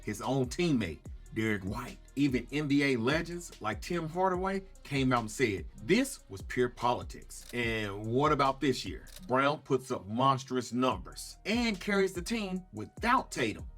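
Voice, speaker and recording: A man presents opinionated sports commentary in the manner of a smug, sarcastic exposé. His mid-pitched voice swings widely for dramatic emphasis and pointed rhetorical questions. Music plays faintly behind him. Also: fairly bright tone.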